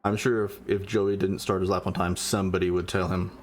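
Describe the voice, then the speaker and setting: Joking easily with his co-host, a man in his late thirties commentates an online race, his low voice flat until he quickens to announce lap times. Slight background noise sits under the recording.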